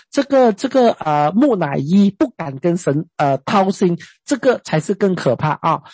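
A woman's voice: medium pitch, darkish tone, slightly rough, no echo. A woman preacher giving a conversational sermon, chatty and hesitant, often putting questions to her listeners.

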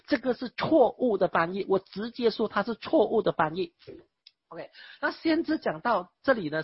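Husky, animated woman preaching. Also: on the high side, dry recording, lo-fi sound. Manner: animated, exclamatory, rhetorical questions. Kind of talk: sermon.

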